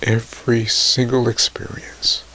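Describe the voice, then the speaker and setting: A man in his forties speaking emotionally to his viewers, halting and tearful, his voice sometimes sinking to a near whisper. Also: medium pitch, little pitch movement, pushed and bright. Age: 40s. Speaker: motivational vlogger. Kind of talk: emotional personal talk to camera.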